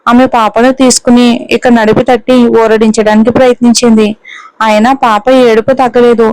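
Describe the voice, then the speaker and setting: A woman narrating a story in a steady, even reading manner. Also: fairly high pitch, normal speed, clean tone, no echo, low-quality recording. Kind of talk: scripted narration.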